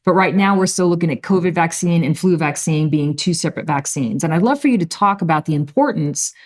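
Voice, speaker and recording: A chatty woman hosting a health talk show. She jokes with her guests and leads into long, winding questions. Her voice sits fairly low for a woman. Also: brisk. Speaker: host.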